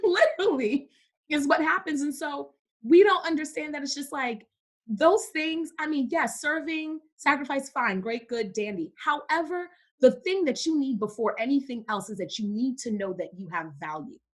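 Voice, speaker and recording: A woman's voice: high-pitched, lively intonation, normal speed. A young woman from Cameroon, a podcast guest in casual faith-based conversation, who speaks emphatically and repeats words for stress.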